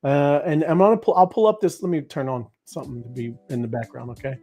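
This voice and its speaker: A man's voice: on the high side, fairly even intonation, fast, dark tone, faint music behind. A man co-hosting a crypto livestream, rambling in casual chat with many fillers and restarts. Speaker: crypto show co-host.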